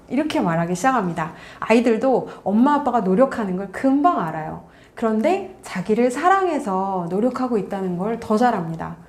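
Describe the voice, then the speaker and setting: A woman's voice: fairly high pitch, darkish tone. A woman counselor giving parenting advice in an earnest, coaching tone, now and then acting out what a parent or child might say. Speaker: college counselor and parenting author. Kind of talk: parenting advice talk to camera.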